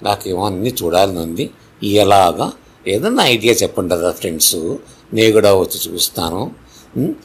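A man's voice: deep voice, animated, moderate pace, breathy edge, full character voice. A man voicing a curious, chatty turtle. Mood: eager. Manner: wondering, eager questions. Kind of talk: storybook character voice for children.

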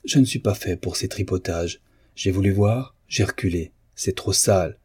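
A man's voice: sits low, moderate pace, a little mellow, slightly rough. A man reading the part of a proud, honest bourgeois husband, impassioned and pleading, in an audiobook of a novel. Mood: tender, pleading. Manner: impassioned, pleading then commanding.

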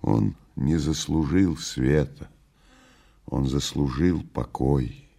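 A man's voice: a bass voice, takes it slowly, gravelly, a little mellow, breathy edge, pitched below the performer's own voice, heavily acted. A man playing a sorrowful, grave male disciple who speaks in a pleading, somber way.

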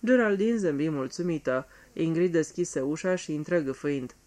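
A reader with a voice of middling pitch narrates a mystery novel as an audiobook. The delivery is scripted and expressive, shifting to give each character in the dialogue a voice of their own.

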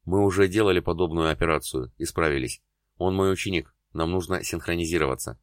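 A man's voice: deep voice, fast, smooth, no echo, studio quality, lightly acted. A man voicing a stern male neurosurgeon who gives curt orders under pressure. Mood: commanding.

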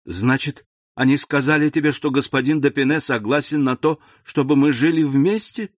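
In a clean studio recording without echo, a man reading an audiobook voices an anxious young woman pleading with her grandfather. He speaks at normal speed in a hushed mood, lightly acting with his mid-range voice pitched above his own.

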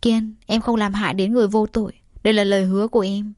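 A woman voicing a calm, resolute young woman in an audiobook story, speaking directly and evenly. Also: mid-range voice, fast, dry recording, studio quality, lightly acted.

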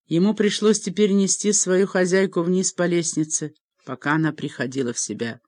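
A woman narrating an audiobook in an expressive storytelling manner. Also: fairly low pitch, normal speed, no room sound. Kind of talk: scripted narration.

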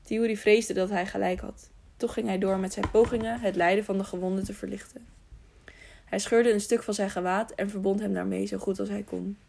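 A woman with a rough, creaky voice of middling female pitch narrates an audiobook from a script. Her tone is steady and darkish at normal speed, and she regularly stumbles, then circles back to correct the words.

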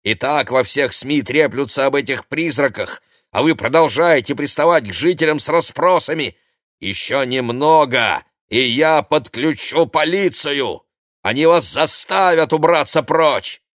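A man voicing an angry, blustering town mayor who shouts threats, in an audiobook. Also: mid-range voice, lively intonation, unhurried, no room sound, studio quality, pitched above the performer's own voice. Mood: furious. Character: furious bullying small-town male mayor.

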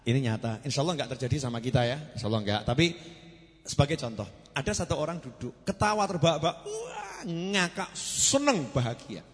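A man preaching a sermon to a gathering, swinging from loud to soft and asking rhetorical questions. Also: on the high side, sing-song, fairly quick. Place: large gathering hall. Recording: long reverb of a large hall.

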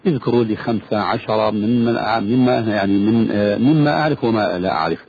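A man with a Levantine accent hosting a radio program, speaking in a measured, formal way. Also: lowish voice, husky. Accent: Levantine Arabic. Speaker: radio host. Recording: tinny phone-line sound with faint noise.

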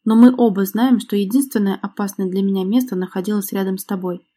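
Woman reading a hurt, angry young actress in an audiobook, cutting and reproachful, warm dark tone. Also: mid-range voice, fairly even intonation, quick pace, slightly rough, natural voice. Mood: ironic.

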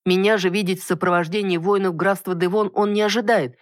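A woman's voice: medium pitch, steady tone, a little fast, dry recording, clean studio sound, natural voice. A reader voicing a firm, earnest young noble lady in an audiobook. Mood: persuasive.

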